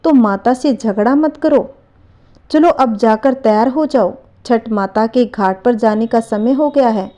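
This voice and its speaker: A woman voicing a young husband who coaxes his wife softly in a told folk tale. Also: a little high, measured pace, close to an everyday voice. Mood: coaxing. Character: gentle pleading young husband, man.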